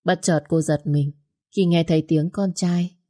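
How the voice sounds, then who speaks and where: A woman reading a scripted family story as the narrator, in a steady, even way. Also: lowish voice, measured pace.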